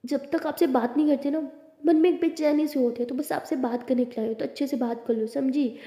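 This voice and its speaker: A woman's voice: high voice, fairly even intonation, a little fast, dark tone. A woman voicing a spirited, defiant young female college student with a sassy manner. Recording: roomy, reverberant, dull lo-fi.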